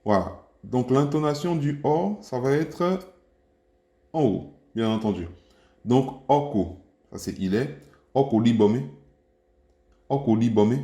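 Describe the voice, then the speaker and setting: A man teaches a language lesson online in a warm, mellow voice. He goes patiently and encourages his listeners, repeating each phrase slowly. His voice rings out in a roomy, echoing space. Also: mid-range voice, expressive. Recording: echoey room.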